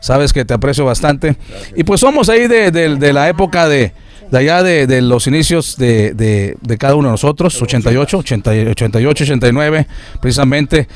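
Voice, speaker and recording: A man's voice: medium pitch, expressive, brisk. A man, a radio announcer, chatting casually with many fillers. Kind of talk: casual chat.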